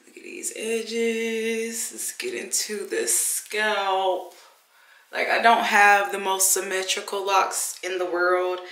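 A woman's voice: medium pitch, pushed and bright, far from the mic. A young woman vlogger, chatting in a laid-back way about her hair care routine at home. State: congested. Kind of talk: casual hair-care vlog chat. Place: home bathroom. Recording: echoey bathroom.

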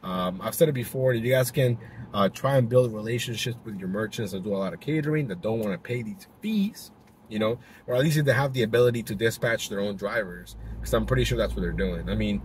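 A young man with a lowish voice films a casual driving vlog on a dash-mounted camera, and the audio is poor. His talk to the camera is loose, packed with fillers and restarts. Faint car noise sits underneath.

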